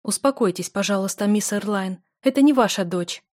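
A woman voicing a female orphanage caretaker who speaks in a gently reassuring way. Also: mid-range voice, normal speed, no echo, clean studio sound, lightly acted.

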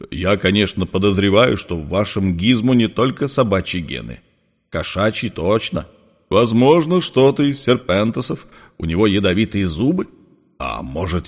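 A man reading an audiobook, voicing a calm male artificial intelligence who speaks in a measured, precise way. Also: fairly low pitch, big-room sound. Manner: measured, precise, coolly polite.

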